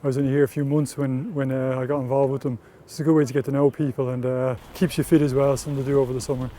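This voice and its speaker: A man's voice: mid-range voice, little pitch movement, very fast, warm tone, slight background noise. A man in a documentary interview outdoors, easygoing and hesitant, with lots of fillers. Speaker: club player.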